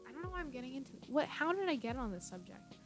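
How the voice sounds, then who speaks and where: Her voice sits high, swings widely in pitch and comes out rapid-fire as this young woman livestreams from her bedroom. She tells loose, rambling stories full of giggles, tangents and filler words while music plays behind her.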